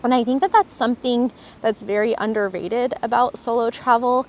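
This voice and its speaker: A woman's voice: fairly high pitch, fairly even intonation, moderate pace, a little hiss or hum. A woman from Florida, a travel vlogger, talking earnestly and enthusiastically in a casual reflective vlog, recorded outdoors. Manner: earnest and enthusiastic, with some fillers.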